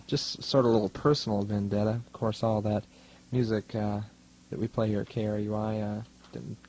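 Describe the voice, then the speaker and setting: In a radio studio, a young adult student DJ with a lowish, darkish voice fills the gaps between songs. His college radio banter is casual, rambling, wry and self-deprecating.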